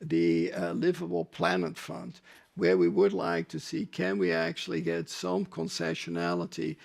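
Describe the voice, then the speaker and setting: High, very creaky man's voice. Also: a little slow, a little mellow. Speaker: development bank official on a panel. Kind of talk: explanatory panel talk.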